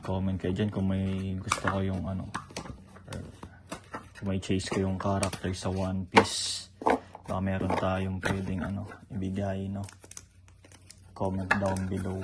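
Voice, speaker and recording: A man's voice: low-pitched, monotone, measured pace. A man showing off his trading cards in a casual, chatty way, often checking in with the viewer. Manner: chatty, tags many sentences with "no?". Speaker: trading card vlogger. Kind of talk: casual card showcase. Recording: clear background noise.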